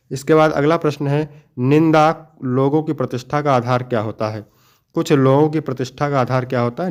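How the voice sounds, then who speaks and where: A man's voice: mid-range voice, a little mellow. A young man teaching, walking students step by step through the questions and answers of an exam paper and addressing them fondly. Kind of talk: exam paper walkthrough lesson.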